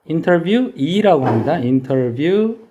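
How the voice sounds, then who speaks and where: Korean male English teacher, mellow voice. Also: on the high side, sing-song, unhurried, muffled recording. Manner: explains step by step, asks students questions. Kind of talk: vocabulary lecture.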